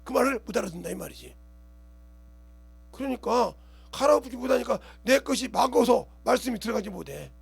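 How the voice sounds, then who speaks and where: A man preaches in a rapid, conversational sermon, his voice pitched unusually high. His tone is heavily gravelly and rough, never smooth. He acts out little scenes and keeps checking whether his listeners understand. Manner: colloquial preaching, keeps asking the congregation if they understand; animated, acts out scenes with gestures and quoted voices. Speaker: pastor.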